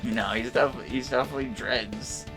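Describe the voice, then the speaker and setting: A man co-hosting a gaming podcast in casual chat, animated and laughing often. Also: medium pitch, fast, faint music behind. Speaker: podcast co-host.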